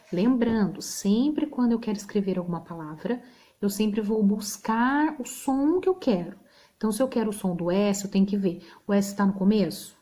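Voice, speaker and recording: A woman's voice: medium pitch, a little mellow. A woman with a Brazilian Portuguese accent teaching a remote spelling lesson, patient, checking in with the class often.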